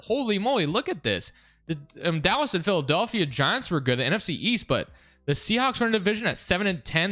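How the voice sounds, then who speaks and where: A young man talks casually over gameplay, thinking out loud and often correcting himself mid-sentence. His voice is bright and clean, with a smooth, crisp tone. Soft music plays faintly underneath. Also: a little high. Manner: chatty, thinking aloud, self-correcting. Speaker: gaming video creator.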